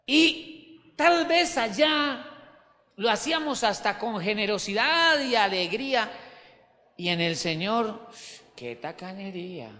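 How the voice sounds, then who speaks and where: A man's voice: very high-pitched, animated, slow pace, pushed and bright. A man preaching a sermon as pastor to his church, emphatic, repeating key words and asking the congregation questions. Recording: long hall reverb.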